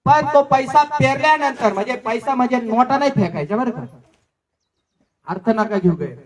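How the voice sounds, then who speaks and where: High-voiced male pastor preaching. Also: a bit bright, distant mic. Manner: rhetorical questions and call-and-response; mocks givers with repeated chanted phrases. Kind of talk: sermon.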